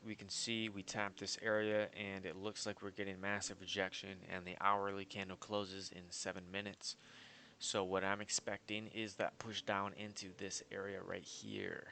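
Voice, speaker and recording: Give me a confident man breaking down trades on screen, monotone and a bit low. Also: a little hiss or hum. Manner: confident, rambling, frequent fillers. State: hiccups. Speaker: forex trading analyst. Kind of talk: casual screen-share market analysis.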